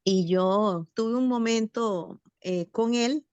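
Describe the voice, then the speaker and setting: A bereaved mother sharing her story over a video call in a support session, reflective and halting with many fillers. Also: on the high side, darkish tone, smooth, dry recording, muffled recording. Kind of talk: personal testimony. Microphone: video call, camera off.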